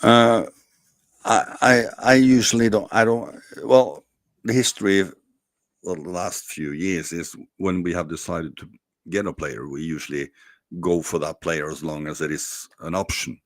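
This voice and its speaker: A man's voice: sits low, steady tone, a little slow, dry recording. A man hosting a casual football chat, asking long questions with many hesitations. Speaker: podcast host.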